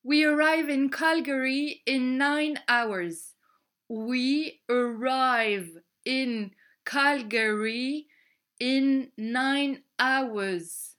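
A woman voicing a calm airline pilot making a slow, drawn-out cabin announcement in a children's storybook. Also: sits high, heavily acted. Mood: announcing.

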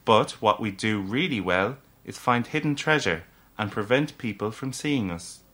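A man voicing a small, sly and patient male leprechaun in an audiobook, talking slowly and correcting others. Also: lowish voice. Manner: lively, drawn-out, correcting. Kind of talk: audiobook character voice.

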